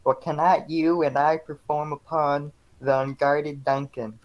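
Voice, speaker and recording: Low slow girl reading a scheming noble lady, flat halting amateur play read. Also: lo-fi sound. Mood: urging. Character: scheming noblewoman urging her husband on.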